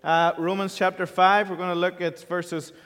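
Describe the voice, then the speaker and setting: Male pastor, Donegal accent, fairly high voice, conversational preaching, long hall reverb. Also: little pitch movement, normal speed, fairly bright tone. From County Donegal, Ireland. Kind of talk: informal church sermon. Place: church hall.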